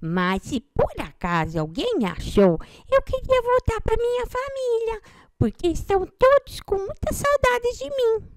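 A woman from São Paulo voicing her pet male parakeet, a sweet, friendly little bird, talking slowly and playfully. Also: very high-pitched, very animated, no room sound, clean studio sound, pitched above the performer's own voice, full character voice. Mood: chatty. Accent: Brazilian Portuguese, São Paulo. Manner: slow, playful, childlike storytelling.

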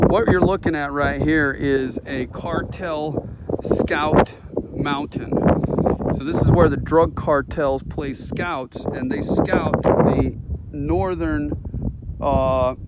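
A man giving an unscripted walk-along narration for a video, recorded on a handheld phone outdoors on a mountaintop. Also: a little high. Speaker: video host. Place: outdoors on a windy rocky mountaintop. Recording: very loud wind noise on phone microphone.

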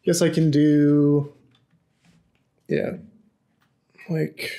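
A young man streaming from a small room at his desk, talking casually and haltingly, thinking aloud with lots of fillers. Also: on the high side, level tone, mellow. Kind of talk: casual live-stream commentary.

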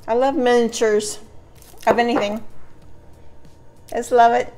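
A middle-aged woman with a somewhat high-pitched voice chats casually through a home recipe demonstration. She is indoors in a kitchen, talking to the camera over soft background music. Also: flat delivery, unhurried, low-quality recording. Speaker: home cooking vlogger.

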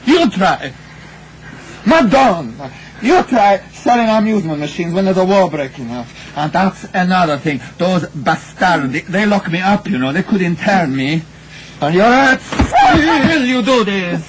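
A hot-tempered Italian husband in a radio play, his accented voice pitched high and swinging widely as he pleads and rages. He speaks slowly, drawing out his words. The old broadcast recording carries a steady hiss underneath. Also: rough recording. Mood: angry. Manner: heated, pleading, then tender. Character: volatile Italian husband in Britain. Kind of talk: 1980s radio drama acting.

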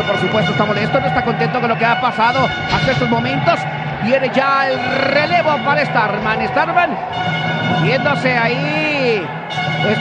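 A man with a Mexican accent giving excited, florid play-by-play as a wrestling commentator. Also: extremely high pitch. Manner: florid, dramatic phrasing. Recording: noisy arena with loud crowd.

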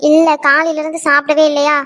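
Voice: high voice, completely flat delivery, quick pace, a bit bright. A performer voicing an anxious young wife in a cartoon who fires off worried questions. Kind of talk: cartoon voice acting.

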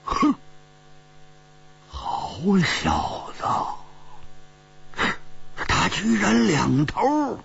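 A man voicing a gruff, hearty male swordsman who mocks his companions, in a storytelling audiobook. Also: sits high, wildly swooping pitch, very slow, pauses often, fairly bright tone, lo-fi sound, pitched above the performer's own voice, heavily acted. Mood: mocking.

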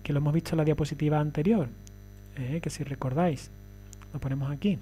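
A man's voice: on the high side, fairly even intonation, fast talker, mellow, a little hiss or hum. A man giving a recorded lecture, explaining step by step and often checking that listeners follow.

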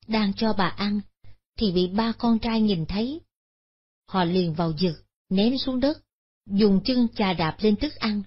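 Woman, Buddhist story narration, solemn, husky voice, lo-fi. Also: mid-range voice. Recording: dull lo-fi sound.

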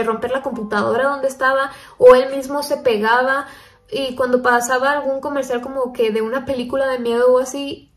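A young woman vlogging casually to her viewers, chatty and thinking aloud with lots of fillers. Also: sits high. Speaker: paranormal stories vlogger.

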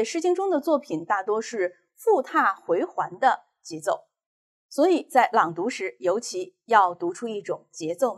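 A woman teacher from China giving a recorded online class, explaining reading techniques in a clear, measured way. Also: medium pitch.

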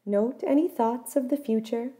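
Guiding a body scan meditation, a woman speaks in a fairly high, very mellow and relaxed voice. Each instruction comes gently, in measured phrases that soften as they close.

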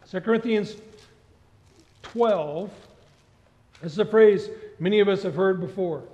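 A middle-aged man preaching a sermon on a church stage, animated and asking the congregation questions. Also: high voice, unhurried. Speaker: pastor. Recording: dull sound with long hall reverb.

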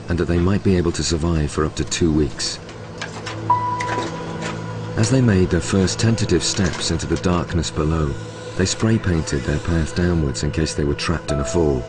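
A man giving grave, measured scripted narration for a documentary voice-over. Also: low voice. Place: studio voice-over. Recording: loud music bed behind.

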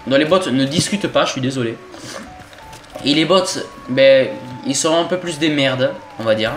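A young man from southern France with a southern French accent, giving excitable, swearing gameplay commentary as he plays an online shooter. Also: medium pitch, moderate pace. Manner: excitable, swears often, jokey asides. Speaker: gaming YouTuber. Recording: roomy home recording with game music.

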